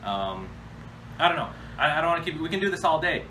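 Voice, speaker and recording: Very animated and quick, this American man's fairly high voice carries a casual Q&A where he answers viewer questions. He speaks bluntly and informally, with plenty of slang, as if making it up on the spot. The distant mic lets background noise come through clearly.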